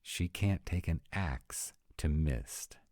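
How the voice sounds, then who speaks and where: A rumbling low, slightly mellow male voice takes its time, recorded with no room sound. He plays a sarcastic, exasperated vampire in a scripted roleplay, addressing his partner with dry, emphatic delivery. The mood is anxious and sardonic, since the vampire is fretting about his in-laws.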